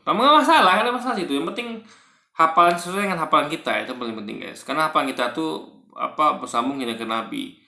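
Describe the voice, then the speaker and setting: A man's voice: medium pitch, lively intonation, fast talker, vocal fry, sharp tone, roomy sound. A man giving casual commentary on a clip, explaining with long examples and often tagging "guys" onto his sentences.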